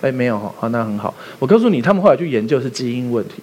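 A man preaching a sermon as pastor, animated and quizzing the congregation with rhetorical questions. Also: mid-range voice, very fast, slight background noise.

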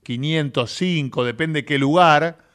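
A man with a Rioplatense Spanish accent, hosting a radio show in chatty, animated talk full of filler tags. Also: fairly high pitch, slow pace, smooth. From Argentina. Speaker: radio host. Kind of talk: casual radio chat. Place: radio studio.

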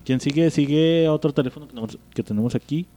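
A man's voice: a little high, fast, mellow. A man with a Mexican accent hosting a podcast in casual, slangy, rambling chat. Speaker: podcast host.

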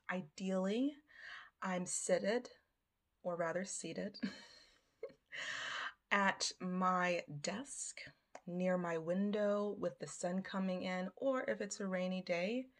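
A woman hosting a podcast, speaking in a reflective, deliberate monologue with pauses. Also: medium pitch. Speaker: podcast host.

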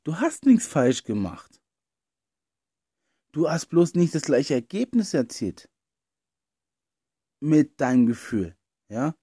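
A man with a slightly high, mellow, faintly rough voice delivers an earnest self-help talk, addressing "you" directly as he explains. He speaks slowly with wide pitch swings, pauses often, and scatters plenty of "ja" and "äh" fillers throughout. The studio-quality recording has no room sound.

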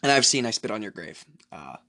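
Male solo podcast host, bright tone, rambling profane movie recap with frequent throat clearing. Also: fairly low pitch, big pitch swings, a little fast. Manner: rambling, profane, many fillers.

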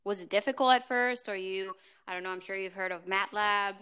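A woman's voice: medium pitch, fairly quick, sharp tone, clear, resonant tone. A woman interviewing a guest, asking long questions that ramble and restart.

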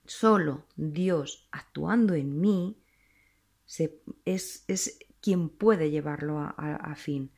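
A woman delivers a sermon, earnest and reflective. Her voice sits low and has a gravelly, creaky edge. She pauses often and restarts her phrases as she thinks aloud. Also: darkish tone. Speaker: preacher.

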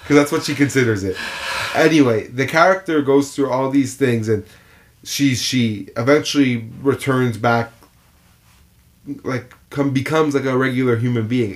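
Guy cohosting a movie podcast, mid pitch, animated, keeps laughing and acting out lines. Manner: animated, laughs often, acts out quotes. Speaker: podcast co-host. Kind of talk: casual movie chat.

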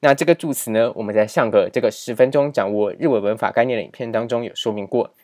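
A man's voice: medium pitch, fast, darkish tone. A man teaching a grammar lesson over slides, explaining patiently and repeating key points with many filler particles. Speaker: language teacher.

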